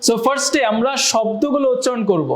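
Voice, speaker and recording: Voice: mid-range voice, animated, fast talker. An English teacher leading a classroom lesson in call-and-response drills, mixing English phrases into the talk. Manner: mixes Bengali with English phrases.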